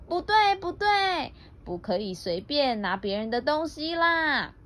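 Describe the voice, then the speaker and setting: A woman's voice: a little high, expressive, unhurried. A woman voicing a small bunny in a picture book read-aloud, who insistently corrects and scolds. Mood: scolding.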